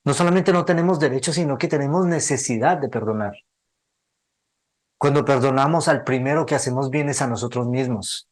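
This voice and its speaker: A man teaching a theology seminar, telling a story in an earnest, emotional, sermon-like way and slowing down for emphasis. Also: mid-range voice.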